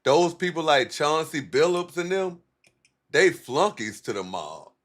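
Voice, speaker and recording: A man's voice: a little high, sing-song, measured pace, a bit bright. A man hosting a casual, profane livestream, rambling in a laid-back stoner way with heavy slang and swearing. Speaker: livestream host.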